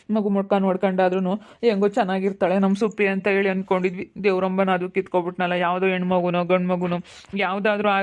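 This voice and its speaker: A woman's voice: medium pitch, natural voice. A woman playing a sorrowful woman relative. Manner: sorrowful, consoling.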